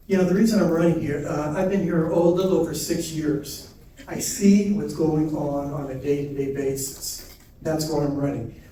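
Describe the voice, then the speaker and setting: A male candidate speaks plainly at a debate in a very dark, soft-edged voice, pitched a bit high. He sounds distant in a heavily echoing room. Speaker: political candidate. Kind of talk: campaign speech at a debate. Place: indoor public debate venue. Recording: distant, very echoey room, faint noise.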